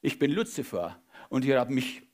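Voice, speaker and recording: A preacher voicing a defiant demon who calls himself Lucifer, with scornful, dismissive denials. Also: male voice, mid-range voice, sing-song, normal speed, darkish tone, voice pushed down.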